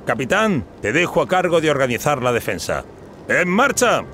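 An actor playing a proud, determined young prince in a fantasy game, commanding and declamatory, with game sound behind him. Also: male voice, fairly high pitch, big pitch swings, normal speed, pushed and bright, a little hiss or hum. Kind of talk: scripted fantasy game acting.

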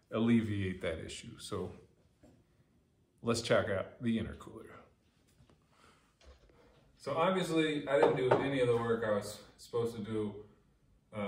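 A man in his thirties talks through an unboxing in a chatty, excitable way, cracking jokes as he goes. His voice sits at an ordinary middle pitch. It is picked up from a few steps off by the camera, with the hard garage walls adding a roomy echo and a faint hiss underneath. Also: far from the mic. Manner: chatty, excitable, jokey, thinks aloud. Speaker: car enthusiast vlogger. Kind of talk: casual unboxing commentary. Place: home garage. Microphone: camera mic from across the room.

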